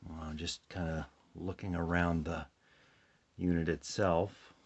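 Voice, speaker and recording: In a slightly muffled home recording, an American hobbyist with a very deep voice demonstrates a shortwave radio at a tabletop indoors, sitting close to the camera. He sounds a little sleepy and husky, keeping a level tone as he chats casually and unhurriedly, thinking aloud through the hands-on demo.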